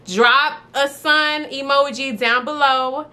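A beauty vlogger in her twenties from South Florida, who is a licensed esthetician, chats playfully about herself to camera in a small room with a woven screen behind her, describing herself as a rambler. She speaks slowly in a high, bright, forceful voice with fairly even intonation.

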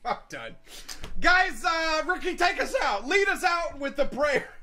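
Gamer dude, slow bright voice, swears and laughs, jumpy pitch. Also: male voice, soft background music. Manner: laughing, swearing, deadpan grumbling. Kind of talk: let's play banter.

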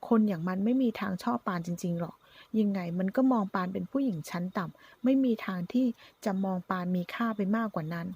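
A woman reading the lines of a jealous, drunk young man who rails loudly and bitterly at his girlfriend. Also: mid-range voice, normal speed, husky, close to an everyday voice. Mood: bitter accusing. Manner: loud, accusing, bitter. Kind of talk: storytelling reading.

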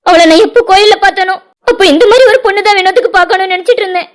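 A woman's voice: very high voice, very fast. A woman voicing a defensive middle-aged mother in a cartoon drama, pleading and justifying herself.

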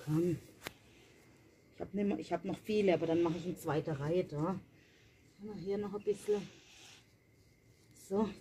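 A woman's voice: fairly low pitch, normal speed, long pauses, dark tone, slight background noise. A woman vlogging casually to her viewers while planting in a garden at night, talking to them directly. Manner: chatty, addresses viewers directly. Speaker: vlogger, mother. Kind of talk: casual family vlog.

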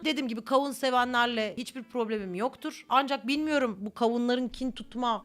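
Young woman venting to camera, high voice, talks super fast, keeps blowing up. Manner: exasperated, exaggerated complaining with sudden loud outbursts. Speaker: YouTuber. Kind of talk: casual rant to camera.

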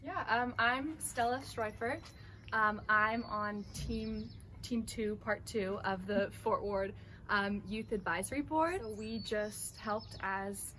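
A woman's voice: medium pitch, slow pace, a bit bright, a little hiss or hum. A young woman introducing herself outdoors, hesitant with fillers. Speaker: youth advisory board member. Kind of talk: casual self-introduction. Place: outdoors by a brick wall.

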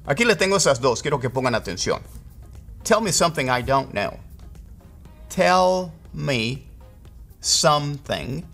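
A man teaching English idioms. He explains patiently and repeats phrases slowly, word by word. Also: fairly high pitch, fairly bright tone. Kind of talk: Spanish-language lesson on English idioms.

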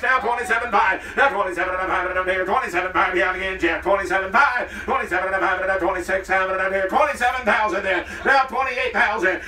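A man working as an auctioneer, calling bids in a rhythmic rolling chant with quick sales patter into a handheld mic at an outdoor farm sale. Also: sits high, sharp tone, distant mic, a little hiss or hum. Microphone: handheld microphone. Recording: roomy sound from off-mic.

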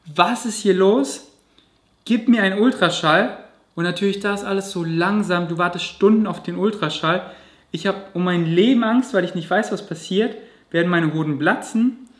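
A man's voice: sits high, normal speed. A man vlogging, telling a personal story to camera in a vivid, emotional way with casual swearing. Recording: roomy echo.

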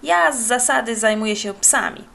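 Unhurried street-poet dog dealer, dry, evasive, woman reading the part, storybook. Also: on the high side, gravelly, sharp tone.

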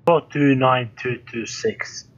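A young man playing a game with a friend, talking slowly and deliberately, laughing along and repeating the other's words. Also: medium pitch, dull audio. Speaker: co-player. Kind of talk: casual gaming chat.

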